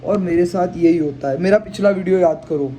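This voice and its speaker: A man's voice: high-pitched, fairly quick, dark tone, rough recording. Young man musing over street noise. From India. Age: 20s. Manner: musing, conversational, mixes in English words. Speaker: vlogger. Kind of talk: casual reflective monologue.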